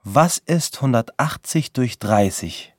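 Playful curious young woman, man reading her in a husky voice, dry close sound. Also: medium pitch, lively intonation, slow, no echo. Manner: quoted lightly in the narrator's own voice.

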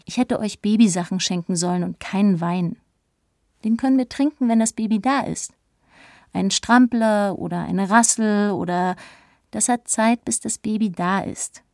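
A woman reads a first-person story aloud in a mellow, warm tone. Her delivery is reflective and earnest. The recording is dry and close, with no room around her. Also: mid-range voice, dry recording. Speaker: audiobook narrator. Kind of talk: first-person audiobook narration.

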